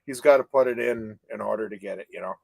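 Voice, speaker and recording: A man's voice: fairly low pitch, fast talker, creaky, husky, no room sound, rough recording. Rambling older man on a dry call. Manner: rambling, many restarts and "you know?" tags. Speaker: co-host of a live advocacy chat. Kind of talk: casual live-stream chat.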